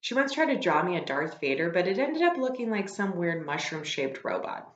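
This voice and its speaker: This woman's voice is on the low side, and her pitch swings widely as she reads to a class at a moderate pace. She pauses for conversational explanations and questions, recorded in an echoey room with the highs cut off.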